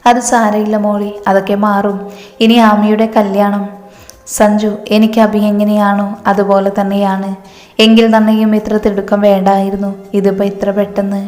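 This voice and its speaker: A woman voicing a loving middle-aged mother in a storytelling reading, soft and emotional. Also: medium pitch, level tone, moderate pace, faint music behind, lightly acted. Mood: tender, sad. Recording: echoey room with long reverb.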